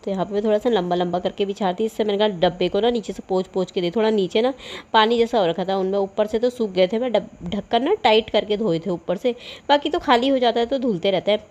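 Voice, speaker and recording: A woman's voice: medium pitch, quick pace, darkish tone, lo-fi sound. Chatty middle-aged woman with a cold. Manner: chatty and rambling, often laughing. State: has a cold and sore throat. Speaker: home vlogger, mother. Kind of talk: casual voice-over chat about housework.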